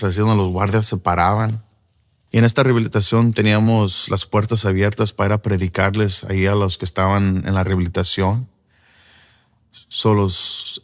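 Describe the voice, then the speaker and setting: A man giving an earnest personal testimony as a preacher, slipping in English fillers. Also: fairly low pitch. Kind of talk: emotional first-person testimony.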